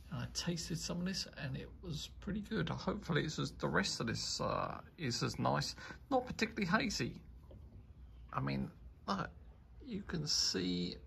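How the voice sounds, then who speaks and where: A man's voice: fairly high pitch, vocal fry, sharp tone, husky. A man chatting casually as he reviews a beer, rambling and enthusiastic as he tastes. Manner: rambling, enthusiastic tasting remarks.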